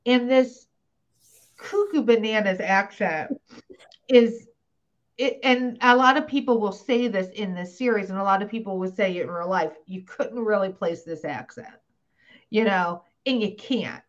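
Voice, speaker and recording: A woman hosting a podcast in casual chat, talking in a chatty, animated way with many fillers. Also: mid-range voice, normal speed. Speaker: podcast host. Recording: slightly dull podcast audio.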